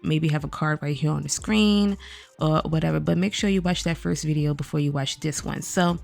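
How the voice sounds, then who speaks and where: Groggy gravelly-voiced woman gaming vlogger. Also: low-pitched, a little fast, a little mellow. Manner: chatty, addresses viewers directly as "y'all". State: groggy morning voice. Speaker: gaming video creator. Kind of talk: casual game overview vlog.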